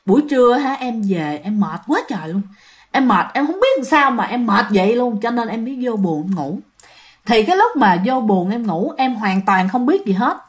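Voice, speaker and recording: A woman storyteller tells a ghost story to her listeners. Her voice sits fairly high and jumps lively up and down. She talks straight to the audience as she goes. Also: normal speed. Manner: animated, addresses listeners directly.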